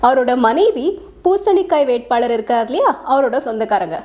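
Female narrator, fairly high, mellow voice, relaxed explanatory storytelling. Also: a little fast. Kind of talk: narrating a short story with introduction.

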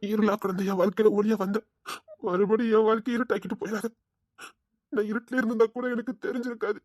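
A woman's voice: medium pitch, fairly even intonation, fast talker, darkish tone, dry recording, clean studio sound, close to an everyday voice. A woman voicing a remorseful young husband who pleads with his wife, in a Tirunelveli Tamil accent, often whispering apologies. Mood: desperate.

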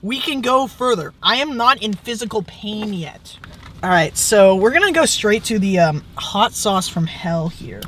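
A man's voice: high voice, expressive, unhurried, pushed and bright. A teenage young man talking casually to camera as a food vlogger, in a hesitant, understated way. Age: teens. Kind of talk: casual vlog chat. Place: inside a car. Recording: clear car interior and traffic noise.

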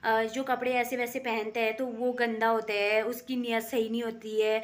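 Young female vlogger, home setting, chatty and rambling, earnest, slightly high voice. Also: flat delivery, normal speed. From Indian hills. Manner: chatty, rambling, with many fillers; earnest, gently pleading. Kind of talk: casual daily vlog monologue. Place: at home, sewing.

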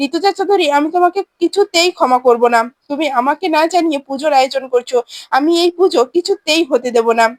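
A woman's voice: high voice, fast, no echo, natural voice. A woman voicing a jealous, scheming young woman in a retold TV serial, speaking angrily and threateningly. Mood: vengeful. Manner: angry, threatening.

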